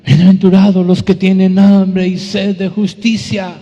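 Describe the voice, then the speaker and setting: A man, preaching a sermon as pastor, asking rhetorical questions and dropping his voice low for emphasis. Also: monotone, measured pace, dark tone, lo-fi sound. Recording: long reverb of a church hall.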